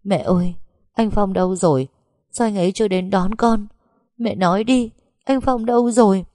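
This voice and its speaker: A woman voicing a frantic young wife in an audio story, pleading in a high, urgent voice. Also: moderate pace, dark tone, dry recording, clean studio sound, natural voice. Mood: desperate pleading.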